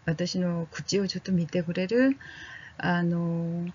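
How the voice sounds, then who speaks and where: A woman teaching a friendly language lesson, slowly drilling vowels aloud and checking on her learners in a casual way. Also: fairly low pitch, fairly even intonation, a little mellow, slightly rough, muffled recording. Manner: casual and friendly, with fillers like "ano". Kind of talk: slow, gentle language lesson.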